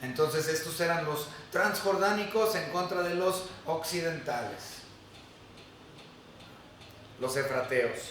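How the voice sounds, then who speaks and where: A male pastor preaches a sermon in a chatty, question-asking manner, with a somewhat high voice. He is picked up from a distance in a very reverberant church hall. Faint room noise sits underneath. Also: takes it slowly, pauses often, fairly bright tone. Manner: conversational, asks the congregation questions. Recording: echoey hall from far off.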